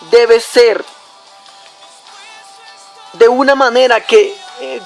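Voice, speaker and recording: High-pitched, gravelly young preacher man. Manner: speaks directly to the listener in numbered points. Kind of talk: devotional teaching on prayer.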